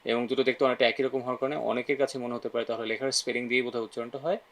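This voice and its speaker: A man's voice: mid-range voice, level tone, rapid-fire, a bit bright. Guy teaching english sounds, repeat after me drills, keeps asking right?. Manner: asks frequent "right?" check-ins. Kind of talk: phonetics lesson in Bengali mixed with English.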